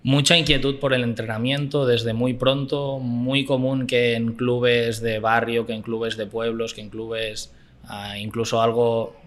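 Young Spanish man, bright forceful voice. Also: mid-range voice, flat delivery, measured pace. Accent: Spanish from Spain. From Barcelona, Spain. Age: 20s. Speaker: podcast guest, football coach. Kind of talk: casual interview chat.

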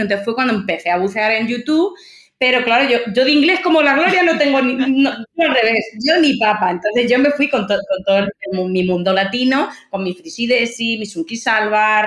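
A woman in her thirties, a guest in a casual chat, telling personal stories in a lively, expressive way and acting out what people said. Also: a little high. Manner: lively, expressive storytelling with acted-out quotes. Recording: roomy echo.

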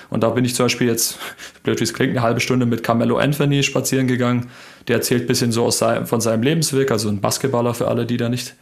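A man co-hosting a casual tech podcast, explaining with enthusiasm. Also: mid-range voice. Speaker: podcast co-host.

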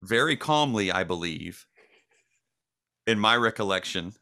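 A man in a casual podcast chat, telling an old story in a measured, dry way and poking fun at himself. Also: fairly low pitch, expressive, pushed and bright. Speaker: podcast co-host.

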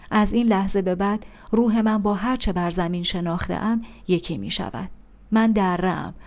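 A faint, fading mother speaks softly from beneath the ruins, calm and tender as her strength runs out, voiced by a woman reading an audiobook. Her voice sits in an even middle register, solemn rather than frightened. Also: mid-range voice, natural voice. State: voice growing weak. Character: dying mother trapped under rubble, calm and tender.

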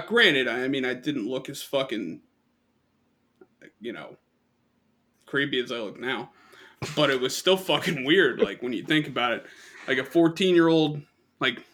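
A man's voice: mid-range voice, moderate pace, long pauses, fairly bright tone. A young man casually telling rambling, profanity-laced stories on a podcast and laughing at his own jokes. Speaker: podcast co-host. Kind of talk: casual storytelling chat.

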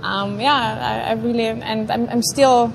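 A woman in her late thirties talks as an interview guest, her voice sitting a little higher than most. She speaks thoughtfully and haltingly, with frequent pauses, and a faint hum of room noise sits underneath. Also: steady tone. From Vienna, Austria. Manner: hesitant, thoughtful, many pauses. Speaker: guest, neuroscientist. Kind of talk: casual interview chat.

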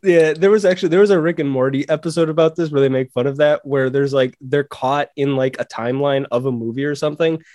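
Man, podcast co-host, casual chat, fairly high voice, dry close sound, animated quoting. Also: quick pace, hardly any pauses, dry recording. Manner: animated, acts out quotes in a raised voice.

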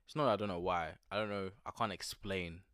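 A young man with an urban London roadman accent and a lowish, forceful voice, recorded very dry. He chats and tells stories in thick slang, repeating phrases to press his point. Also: quick pace, clear, resonant tone, dry recording. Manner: slangy, informal, emphatic repetition. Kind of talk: casual chat, anecdotes.

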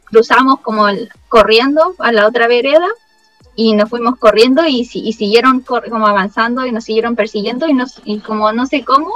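A woman's voice: a little high, a little fast, faint music behind, rough recording. Young Chilean woman telling a story. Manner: lively storytelling, leans on the filler 'como'. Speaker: former missionary. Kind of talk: casual chat, telling a story.

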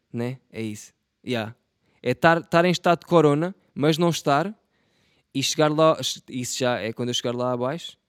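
A man's voice: mid-range voice, a little mellow, no room sound, clean studio sound. A young man with a European Portuguese accent, rambling through a casual solo podcast in a self-mocking, slangy and profane way. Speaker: podcast host.

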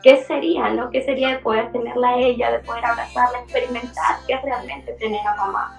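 A woman in her twenties, a young church leader, giving an emotional personal testimony in a halting way, with many fillers and restarts. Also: fairly high pitch, fairly even intonation, gravelly, faint music behind, poor audio. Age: 20s.

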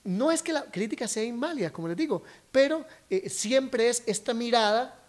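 A woman's voice: fairly high pitch, animated, normal speed. A Costa Rican woman talking casually on a podcast about books. She is opinionated, swears freely and acts out the voices she quotes. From Costa Rica. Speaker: podcast guest who talks about books.

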